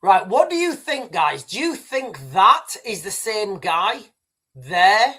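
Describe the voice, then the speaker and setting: This man livestreams, talking loosely over video clips and addressing his viewers directly as "guys." His voice is high and sing-song, slow, with a pushed, bright quality. He rambles, often restarting and saying "right."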